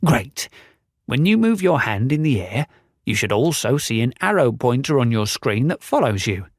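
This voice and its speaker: A man's voice: mid-range voice, big pitch swings, moderate pace, no room sound. Audiobook casting: a man playing a forgetful old tinkerer, patient and instructive, dry close read. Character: old male inventor, kindly, forgetful. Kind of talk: audiobook character voice.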